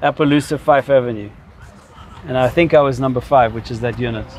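With a darkish, medium-pitched voice and a fairly quick pace, a Zimbabwean-accented vlogger in his fifties looks back on personal experiences in a casual, explanatory style. Music sits behind him, along with slight background noise.

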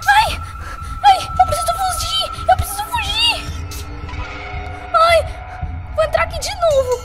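Brief: jittery Brazilian pony girl played by a woman, screechy, sky-high voice, game music underneath. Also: lively intonation, moderate pace. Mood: panicked screaming. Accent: Brazilian Portuguese. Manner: jittery, squealing and shrieking when scared. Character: young female pony, sporty and easily frightened. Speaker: gaming youtuber. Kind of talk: let's play commentary in character.

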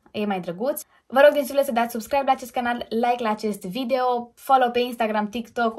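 A young woman, chatting casually and hesitantly as the host of her own vlog. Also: on the high side. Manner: chatty and hesitant, many fillers and self-corrections. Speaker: YouTuber host. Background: background music.

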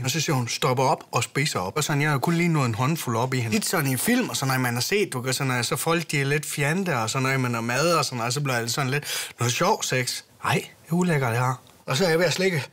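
A man's voice: mid-range voice, a bit bright. A man telling a crude comic story in a rambling way, full of fillers. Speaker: comedy character explaining.

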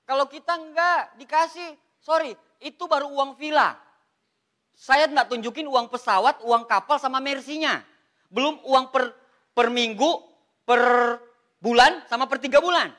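A man with an Indonesian accent giving an animated, joking seminar talk to an audience, often calling listeners "Pak". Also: very high-pitched, unhurried. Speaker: motivational speaker at a business seminar.

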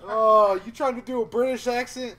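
A man hosting a casual let's play, excitable and swearing often as he talks. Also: extremely high pitch, normal speed. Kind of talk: casual gaming chat. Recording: gunfire and game noise over voice.

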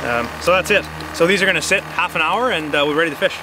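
A man in his thirties outdoors on a frozen lake, calmly explaining step by step how he prepares his bait. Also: on the high side, fast, loud music behind the voice, low-quality recording. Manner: steady, practical, step-by-step. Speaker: fishing show host. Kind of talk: instructional explanation.

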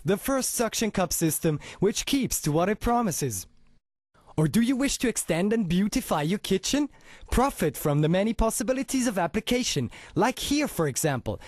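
A man narrating a scripted hard-sell infomercial as an announcer, with an emphatic pitch full of rhetorical questions. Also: darkish tone, dry recording, studio quality.

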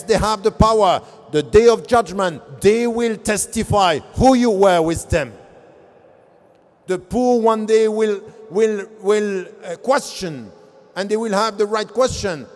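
A man's voice: high-pitched, a little mellow. Impassioned man lecturing in a big hall. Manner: impassioned, rhetorical questions, hand gestures. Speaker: convention speaker. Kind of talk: religious lecture. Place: large convention hall stage. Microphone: podium gooseneck mic. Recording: long reverb of large hall.

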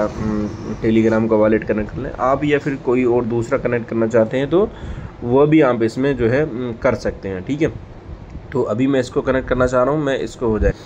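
A man's voice: mid-range voice, a little mellow. A man casually walking viewers step by step through a mobile app, leaning on repeated fillers like "okay" and "here". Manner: repetitive fillers, frequent "ठीक है". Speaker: tech tutorial host. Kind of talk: casual screen-recorded app walkthrough. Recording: slightly dull lo-fi audio with faint noise.

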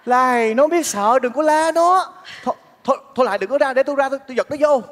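An actor playing a kind-hearted bachelor neighbor in a stage comedy, talking in a soft, coaxing, earnest way. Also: male voice, very high voice, quick pace. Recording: reverberant theater stage, faint music.

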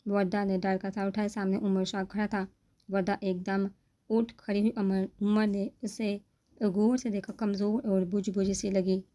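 A woman narrates a romance novel aloud. Her voice is mellow and dark in tone. She keeps a steady, even storytelling pace. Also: medium pitch. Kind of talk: novel reading.

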